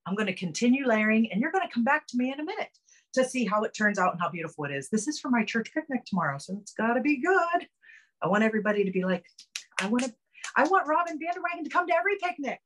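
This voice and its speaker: A woman's voice: fairly high pitch, big pitch swings, fast, fairly bright tone. A middle-aged woman giving a chatty, upbeat cooking demonstration from her home kitchen, explaining each step. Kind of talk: casual cooking demo on a video call. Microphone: phone camera close up.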